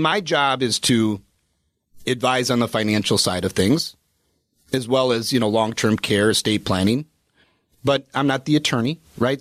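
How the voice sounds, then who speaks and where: A man's voice: mid-range voice, dry recording. A man talking through retirement planning as a financial advisor, in a loose, explanatory manner full of filler words. His voice sits in the middle of the range and is recorded close and dry, with no room sound. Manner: explanatory, with many "you know" fillers. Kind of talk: casual radio chat.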